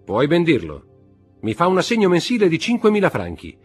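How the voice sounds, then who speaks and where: A man reading aloud, voicing a cocky, impatient young man who talks in quick, offhand bursts. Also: a little high, huge pitch swings, husky, soft background music, voice pushed up, heavily acted. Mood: boastful.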